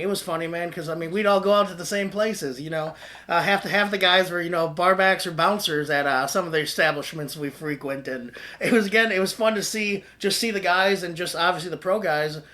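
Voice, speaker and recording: A man who is a historian hosts an interview podcast, chatting in a friendly, conversational way and often calling his guest "man." His voice is a little high with a sharp tone.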